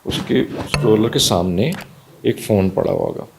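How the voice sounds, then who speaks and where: Doctor guy, gravelly voice, animated, throws in english bits. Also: lowish voice. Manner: animated, slips into Punjabi and English phrases. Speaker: pediatrician guest. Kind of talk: conversational explanation.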